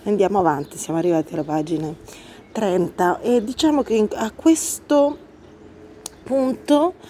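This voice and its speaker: A woman's voice: medium pitch, mellow, slight background noise. A woman hosting a podcast, explaining a book in an earnest, reflective way and thinking aloud as she talks. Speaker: podcast host. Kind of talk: explanatory monologue about a book.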